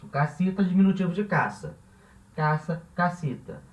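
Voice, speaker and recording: A native Portuguese speaker gives a classroom-style language lesson, explaining patiently, repeating each example and often checking that the listener is following. His voice sits high and sounds animated at a normal speed. He is heard from a distance in an echoey room.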